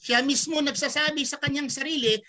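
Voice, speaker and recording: A man's voice: very high-pitched, steady tone, brisk, sharp tone, rough recording. A man giving an argumentative religious lecture over an online call, pressing rhetorical questions with a repeated "ha?". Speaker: religious debater.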